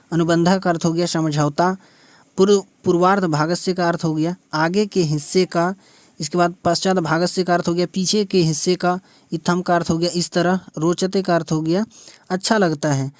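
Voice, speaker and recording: A man's voice: high-pitched, darkish tone, dry recording. A man with a Bihari Hindi accent teaching a textbook lesson. He reads each line aloud and then explains what it means.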